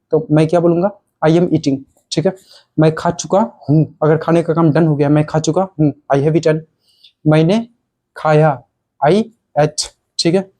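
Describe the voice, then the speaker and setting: Indian man, english teacher, mellow tone, slightly high voice, repeats terms, stretches key phrases slowly. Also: low-quality recording. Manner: explanatory, repeats key terms, checks with "theek hai?". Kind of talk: spoken English lesson.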